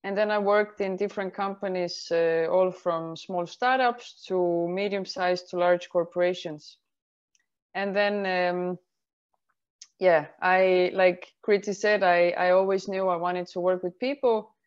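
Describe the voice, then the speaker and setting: A woman from Estonia, a career advisor answering interview questions in a measured way, explaining things step by step. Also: fairly low pitch, steady tone, clean tone. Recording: slightly muffled sound.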